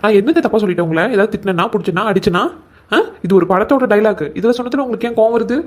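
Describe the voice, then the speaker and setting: A young cartoon daughter-in-law, voiced by a woman, plaintive and complaining. She speaks in a middle-pitched voice at a brisk pace. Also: lightly acted. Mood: aggrieved. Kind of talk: comic cartoon voice acting.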